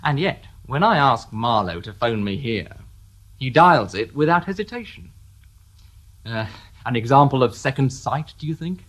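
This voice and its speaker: A shrewd, wry police inspector in a radio drama, needling suspects with dry, sardonic politeness. His voice is lively and moves over a wide range. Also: medium pitch, normal speed.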